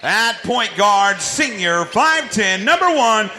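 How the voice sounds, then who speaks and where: Man, booming stadium announcer, animated swooping pitch, stretched names, gym PA, loud music, roaring crowd. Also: slow pace. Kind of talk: arena starting lineup announcing. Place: high school gymnasium. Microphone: PA system.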